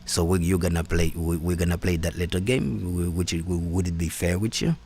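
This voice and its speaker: A man hosting a live-stream conversation over a call. He talks in a halting way, repeating words and restarting often. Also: low voice, steady tone, a little mellow, breathy edge. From Haiti. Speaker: host and community organizer. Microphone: phone or call setup.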